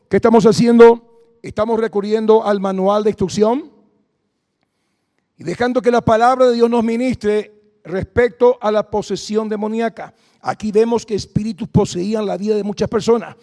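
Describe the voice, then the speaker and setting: Brief: male pastor, high gravelly voice, long hall reverb. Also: warm tone. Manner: fervent, exhorting, calls to the congregation. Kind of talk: Pentecostal deliverance sermon.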